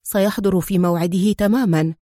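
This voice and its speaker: A woman's voice: medium pitch, steady tone, brisk, warm tone, no room sound, clean studio sound, close to an everyday voice. A woman voicing a fawning, eager turncoat. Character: eager, groveling male Soviet turncoat.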